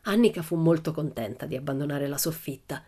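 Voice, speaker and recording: A woman reading a children's story aloud as an audiobook in a lively, expressive storytelling manner. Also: sits low, fairly quick, breathy edge. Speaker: audiobook reader.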